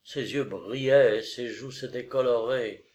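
A man reading a novel aloud in a measured, even manner. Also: medium pitch. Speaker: narrator. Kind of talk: scripted narration.

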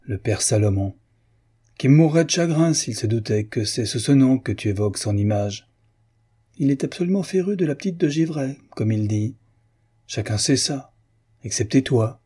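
A man reading aloud, voicing a self-assured young gentleman in an offhand manner. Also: medium pitch, lively intonation, moderate pace, husky. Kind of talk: audiobook character voice.

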